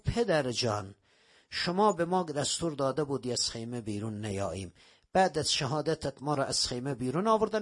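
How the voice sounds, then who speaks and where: A man preaching a sermon, telling religious stories dramatically, swinging between raised exclamations and hushed lines. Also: fairly high pitch.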